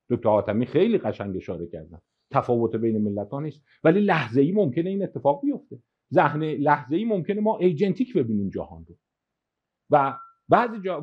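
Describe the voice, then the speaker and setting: A man giving a lecture in an animated way, acting out everyday examples and mixing in English technical terms. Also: fairly high pitch. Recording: dull lo-fi recording.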